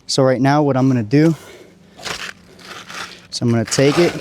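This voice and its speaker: Hoarse roofer narrating a repair. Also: male voice, mid-range voice, normal speed, a little mellow, slight background noise. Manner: careful, explaining each step. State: hoarse, losing his voice. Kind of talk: on-site repair walkthrough. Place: on a rooftop outdoors.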